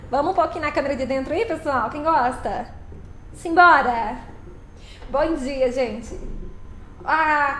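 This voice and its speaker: High-voiced chatty woman streaming. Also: echoey room. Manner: lively, chatty, laughs often, greets chat by name. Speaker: live streamer playing a truck game. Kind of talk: casual live-stream chat greeting viewers.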